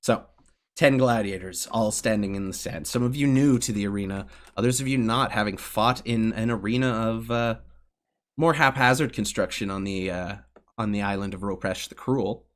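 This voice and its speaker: A man's voice: lowish voice, moderate pace. A young man running a tabletop game on a live stream, casual with many fillers. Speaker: game master.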